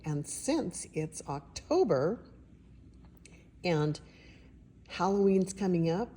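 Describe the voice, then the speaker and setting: Reading a children's picture book aloud, this elderly-sounding woman has a low-pitched, warm voice and draws out her lines to build suspense. Between passages she chats with her listeners, all over audible background noise.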